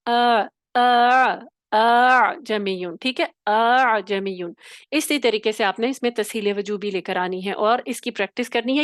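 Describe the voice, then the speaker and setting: Female recitation teacher: fairly high voice, dry close mic, patient step-by-step demonstrations. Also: no room sound. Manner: explains step by step, demonstrates sounds, checks with "theek hai?". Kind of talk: tajweed lesson.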